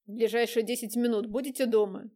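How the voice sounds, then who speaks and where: A woman's voice: a little high, steady tone, fairly quick, mellow, lightly acted. A woman voicing a curt, businesslike male police investigator in an audiobook.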